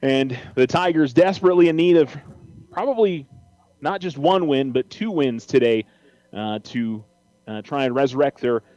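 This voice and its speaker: A man's voice: mid-range voice, normal speed, darkish tone, no room sound. American man giving baseball pregame commentary. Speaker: sports radio host.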